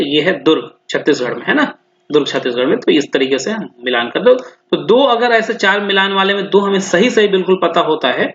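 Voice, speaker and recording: A man's voice: fairly high pitch, fairly bright tone. A man tutoring students through exam questions, thinking aloud, repeating answers and speaking to them directly. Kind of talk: explanatory lesson, solving exam questions. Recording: roomy, dull lo-fi sound.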